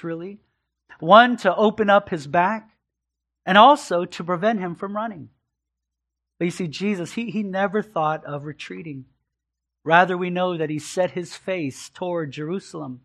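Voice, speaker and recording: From the pulpit, a male pastor delivers an expository sermon in a very high, slightly bright voice. His delivery is earnest and forceful, often circling back to one phrase for emphasis.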